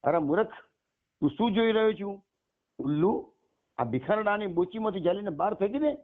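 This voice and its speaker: A man voicing a furious, haughty woman who runs the house, scolding with shrill insults, over a tinny phone-like line. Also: expressive, moderate pace, close to an everyday voice.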